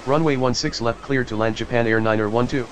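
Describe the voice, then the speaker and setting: A man voicing an airline pilot who reads back clearances over the radio in clipped, even calls. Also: medium pitch, brisk, noisy background. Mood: routine. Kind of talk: air traffic radio calls in a game.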